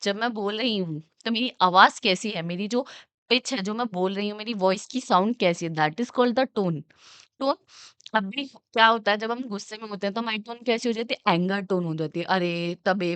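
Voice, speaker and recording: A young woman teaching an exam-prep lesson, her voice smooth and resonant, recorded close and dry. She reads definitions slowly and acts out everyday examples, checking often that students follow. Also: medium pitch, a bit bright, no echo. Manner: explains with acted everyday examples, often asks "okay?". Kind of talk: exam-prep lecture mixing Hindi and English.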